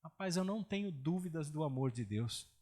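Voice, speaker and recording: Pastor preaching in a slightly high voice. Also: male voice, expressive, fairly quick, darkish tone. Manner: conversational preaching, quotes imagined churchgoers in lowered voice. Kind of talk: expository sermon.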